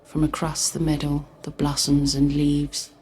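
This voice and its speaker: A woman playing a mournful ghostly figure, reciting a folk poem in a slow, wistful, deliberate way. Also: low-pitched, monotone, a little mellow, slight background noise. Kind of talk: slow, measured verse recitation.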